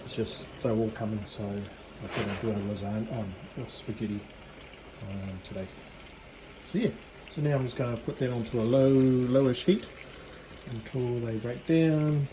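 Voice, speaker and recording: A man's voice: mid-range voice, normal speed, noisy background. A man with a New Zealand accent giving a casual, hesitant cooking demonstration at home, thinking aloud as he works. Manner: informal, hesitant, thinking aloud while working. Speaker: home cook presenting a cooking video. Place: home kitchen.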